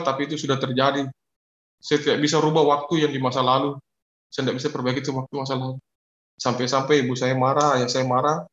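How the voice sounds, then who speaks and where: A man's voice: fairly high pitch, a bit bright. A man giving an earnest, confessional personal testimony, often repeating himself. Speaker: testimony speaker. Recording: echoey, dull lo-fi audio.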